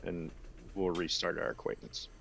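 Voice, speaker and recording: A man's voice: deep voice, normal speed, vocal fry, fairly bright tone, a little hiss or hum, exaggerated voice. A man voicing a polite adult male adventurer who speaks courteously and hesitates, in a tabletop game. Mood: polite, placating.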